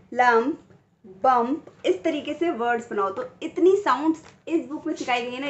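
Female vlogger, higher pitch, conversational explainer who sounds out letters and words; muffled recording, faint background hum. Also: fairly bright tone. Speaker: parenting vlogger reviewing phonics books. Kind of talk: casual explanatory review.

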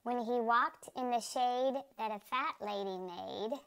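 A woman reads a children's picture book aloud at an unhurried, deliberate pace. Her voice is smooth and clear and sits a little high. She leaps up in pitch and volume for the characters' shouts. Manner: slow, careful storybook reading that jumps high and loud for quoted shouts.

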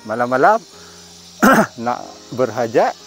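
Faint music sits behind a middle-aged man whose medium-pitched, slightly bright voice swings widely in pitch at a slow pace. A vlogger with a northern Malaysian Malay accent, he chats casually through a face mask while walking forest park trails by a cave, camera held at arm's length.

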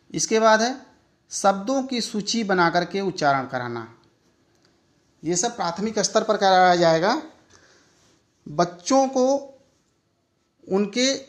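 A man giving a recorded e-learning lecture, explaining slowly and deliberately and speaking worked examples aloud. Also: high voice. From India. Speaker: teacher educator.

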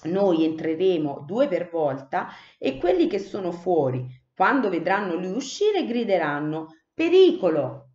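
A woman's voice: lowish voice, very animated, measured pace, few pauses, darkish tone. A woman voicing a clever, bossy young male sparrow who leads the flock, speaking in an urgent, commanding voice. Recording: echoey room, dull muffled sound.

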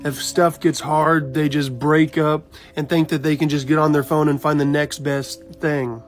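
A man's voice: a little high, little pitch movement, moderate pace. A man narrating a scripted news-style rundown of a viral video. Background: music.

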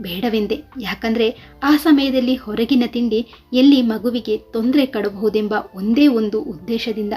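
A woman's voice: a little high, dark tone, husky. A woman voicing a hurt young married woman who pleads and questions, in a storybook reading.

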